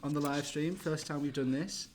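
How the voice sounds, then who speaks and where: A man's voice: a little high, fairly even intonation, moderate pace, a little hiss or hum. Upbeat man co-hosting a game stream. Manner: upbeat, promotional. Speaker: live-stream co-host for a mobile game. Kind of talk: casual live-stream chat.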